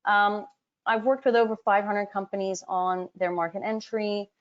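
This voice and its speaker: A woman from Hong Kong working as a business advisor, presenting a live webinar. She talks in a chatty, direct way, speaks to her audience often and fills her pauses with ums. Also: medium pitch, fairly even intonation. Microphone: computer mic on a web call, camera off. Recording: dull lo-fi webinar audio.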